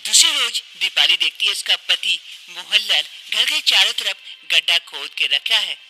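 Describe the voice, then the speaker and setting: A narrator telling a cartoon story in a lively, sing-song way. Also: mid-range voice, moderate pace, soft background music, poor audio.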